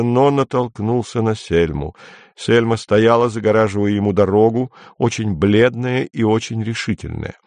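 A man narrating an audiobook in a measured, even way. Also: lowish voice, no room sound. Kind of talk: audiobook reading.

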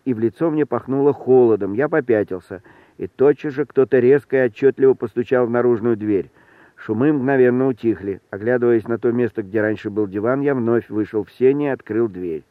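A man reads a novel aloud in a measured, subdued way, his voice at a middling pitch. The recording is dry, with no room sound, and narrow like a phone line. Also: dry recording. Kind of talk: audiobook narration.

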